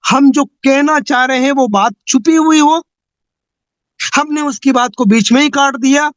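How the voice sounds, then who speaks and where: A man's voice: high voice, dry recording. A man delivering a motivational speech about network marketing, firing rhetorical questions at listeners in a preachy, pleading manner.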